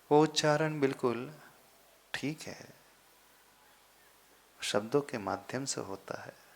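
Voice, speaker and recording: A man, a monk, giving a sermon in a slow, deliberate teaching manner, pausing often and rising into sudden emphasis. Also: medium pitch, gravelly, a bit bright. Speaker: Jain monk giving a discourse.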